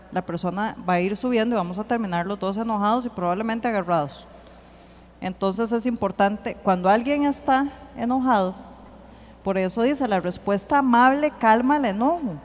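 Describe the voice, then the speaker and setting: A woman giving an earnest church teaching, slowing to read scripture aloud. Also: mid-range voice. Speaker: church speaker. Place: church hall. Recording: long hall reverb.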